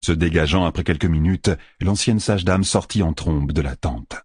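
A man narrating an audiobook in an expressive storytelling manner. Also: low-pitched, moderate pace, slightly rough, dry recording, clean studio sound. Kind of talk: scripted narration.

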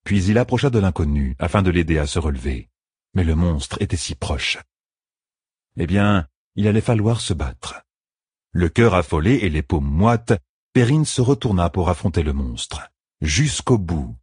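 A man reading a fantasy audiobook in a measured, expressive way. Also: sits low, husky, no echo, clean studio sound. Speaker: audiobook narrator. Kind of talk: scripted fantasy narration.

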